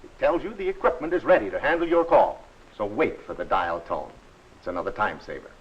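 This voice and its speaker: A man narrating a 1940s instructional film in a friendly, instructive and measured way. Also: fairly low pitch, expressive, slightly rough. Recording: dull old film soundtrack.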